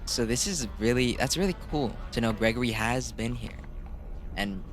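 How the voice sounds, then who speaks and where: A man hosting a gaming video reads a visual novel aloud with casual commentary, correcting himself when he stumbles. He talks at a normal speed in a mid-range voice, with music in the background.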